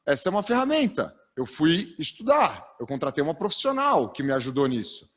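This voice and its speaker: A man's voice: a little high, brisk. A man gives a live storytelling workshop from a stage. He talks with lots of energy and keeps checking in with a questioning "tá?". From Brazil. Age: 30s. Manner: energetic, tags sentences with a questioning "tá?". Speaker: storytelling trainer. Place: stage of a live training event.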